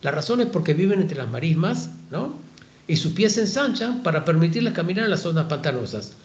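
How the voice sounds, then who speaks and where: Man reading out an old patient sage, fatherly and calm, slightly high voice, roomy echo. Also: brisk. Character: endlessly patient old male sage, gentle. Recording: roomy, dull lo-fi sound.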